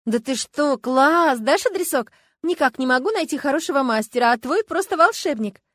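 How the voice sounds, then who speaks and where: Lady doing a loud bossy girlfriend, high and pushy, excitable, dry close sound. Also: brisk, no echo. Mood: excited, scolding. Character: brash bossy adventurous young woman friend.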